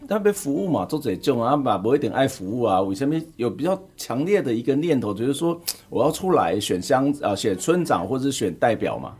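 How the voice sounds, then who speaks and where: A man's voice: mid-range voice, sing-song, brisk, few pauses, a little mellow, slightly rough. A man with a Taiwanese accent hosting a conversational interview on public affairs, talkative and slipping into dialect phrases. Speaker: interview show host.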